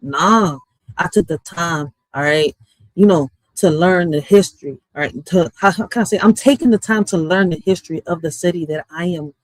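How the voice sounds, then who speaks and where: A man's voice: a little high, normal speed, no echo, rough recording. A man from Puerto Rico, raised in the city, talking casually on his livestream, cursing and checking "all right?" after his points. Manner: street-casual, repeats "all right?" and curses. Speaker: livestream host.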